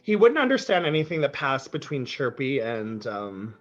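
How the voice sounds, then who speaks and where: A man's voice: mid-range voice, sing-song, normal speed, a bit bright, muffled recording, faint music behind. Hesitant man running a tabletop game. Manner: hesitant, lots of um and like. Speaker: dungeon master.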